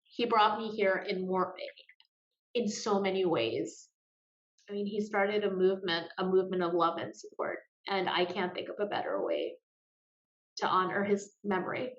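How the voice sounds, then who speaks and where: A woman speaking earnestly and emotionally as a guest in an interview, with pauses and repeated words. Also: mid-range voice, animated. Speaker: guest, grief support group founder. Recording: roomy, dull lo-fi sound.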